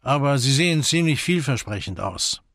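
A man playing a gruff old major. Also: medium pitch, animated, moderate pace, a bit bright, dry recording, studio quality. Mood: terse. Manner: terse, gruff. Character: older retired army major, gruff and terse.

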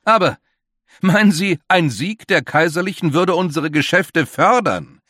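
A man's voice: a little high, lively intonation, unhurried, a bit bright, no room sound, studio quality, voice pushed up. A man voicing a grave, worried older male leader who speaks in an earnest, emphatic way.

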